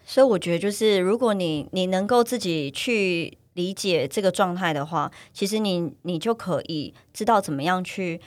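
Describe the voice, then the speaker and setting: A woman's voice: fairly low pitch, normal speed, few pauses, dry recording. A woman, co-hosting a casual chat podcast and giving frank, slangy advice. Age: late 30s. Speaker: podcast co-host.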